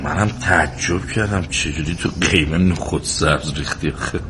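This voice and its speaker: A man acting as a tired middle-aged father and husband in a drama, often muttering under his breath and flaring up when angered. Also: noisy background. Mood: weary, muttering. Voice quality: low mutter at rest, loud shouts when angry. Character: weary middle-aged father, mumbling, quick to flare.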